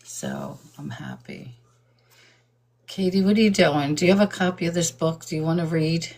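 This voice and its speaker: A woman's voice: low voice, sing-song, moderate pace, darkish tone. An older woman hosting a live stream, chatting casually, laughing often and greeting viewers by name. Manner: admits nervousness about reading aloud.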